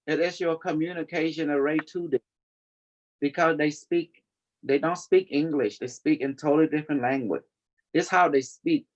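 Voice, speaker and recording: A man's voice: on the high side, steady tone, normal speed, highs cut off. A man with a Cambodian accent talking casually as a spiritual teacher, in non-native English with dropped verbs and endings. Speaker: spiritual teacher leading a group call.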